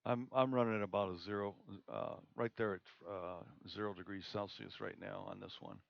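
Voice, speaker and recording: A man hosting a live observatory stream, chatting casually and haltingly with fillers and restarts. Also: on the low side, fairly even intonation, vocal fry, dry recording. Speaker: observatory host. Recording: dull lo-fi stream audio.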